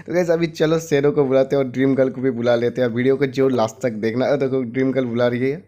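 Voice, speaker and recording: A man's voice: fast, highs cut off. A young man, casually commentating his own game and chatting with friends. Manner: chatty, switches from excited to low and subdued. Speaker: gaming YouTuber.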